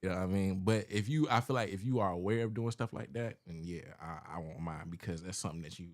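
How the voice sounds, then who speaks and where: A man with a low, deep voice co-hosts a casual podcast, talking quickly. He rambles in a laid-back, slang-heavy way, often trailing off and circling back to his point.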